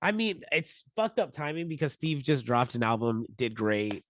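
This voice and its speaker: A man's voice: medium pitch, big pitch swings, normal speed, a bit bright, slight background noise. A man co-hosting a podcast in casual chat, chatty and laughing, swearing freely. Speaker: podcast co-host. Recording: dry close sound.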